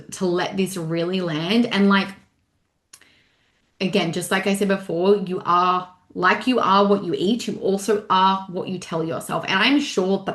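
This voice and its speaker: A mindset coach with a mid-range voice gives a motivational talk in an echoey room. She's casual and chatty, leaning heavily on "like" as she animatedly retells events.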